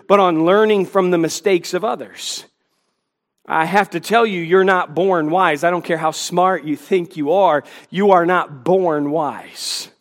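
A man in his forties preaches to his church in a notably high voice. He presses his points with earnest emphasis and lightens them with self-deprecating asides. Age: 40s. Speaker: pastor. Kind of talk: sermon.

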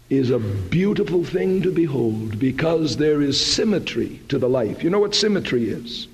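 Male pastor, sermon delivery: measured, unhurried, higher-set voice, earnest and emphatic; church reverb. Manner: earnest, emphatic preaching that swells into loud appeals. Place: church sanctuary during a Sunday service. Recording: long church-hall reverb.

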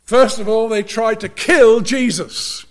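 Delivering a sermon slowly and deliberately, a man with a rather high voice preaches with earnest emphasis. He frequently drops without warning to almost a whisper.

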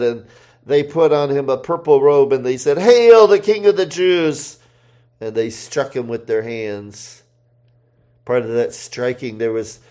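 Male preacher, mid-pitched voice, very slow deliberate sermon delivery with pauses. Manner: reads scripture aloud, rising for quoted shouts.

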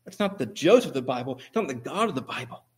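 A man's voice: mid-range voice, expressive, fast talker. A man preaching a sermon as pastor, using emphatic, repetitive phrasing.

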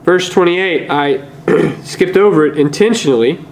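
Man, pastor, sermon, earnest, rhetorical questions, slightly high pitch, faint background noise. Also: creaky, poor audio. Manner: slows and stresses key words.

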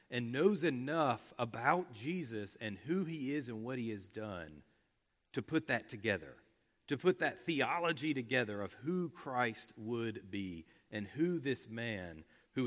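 A man preaching a sermon, explaining scripture with emphatic repetition, at times dropping to a hush. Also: medium pitch. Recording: long reverb of a large hall.

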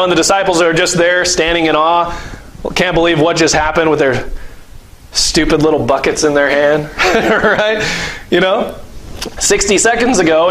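Man preacher, high-pitched, chatty delivery with frequent fillers. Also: rough recording. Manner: acts out scenes with lively voices and laughs; conversational, uses many fillers. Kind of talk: sermon.

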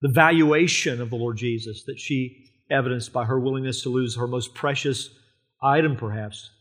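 Husky-voiced male preacher. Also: mid-range voice, normal speed, a bit bright. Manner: expository preaching, reading scripture aloud with emphatic rises. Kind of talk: sermon.

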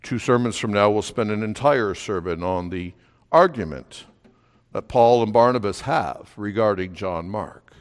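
A man preaching a sermon as pastor, steady in places and building to emphatic, raised delivery. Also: lowish voice, unhurried. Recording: long reverb of a hall.

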